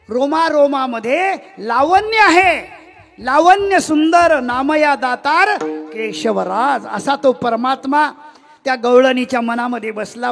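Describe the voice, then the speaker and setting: A man preaching a devotional storytelling sermon, lively and full of rhetorical questions to the audience. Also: very high-pitched. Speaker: kirtan preacher.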